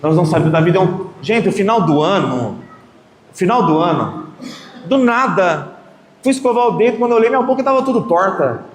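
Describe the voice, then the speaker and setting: A lay preacher with a high voice tells stories in a sermon at a prayer group meeting hall, moving between loud outbursts and soft asides like a dramatic storyteller. His intonation is lively and his pace a little fast. The hall echoes with a long reverb, and faint room noise sits underneath.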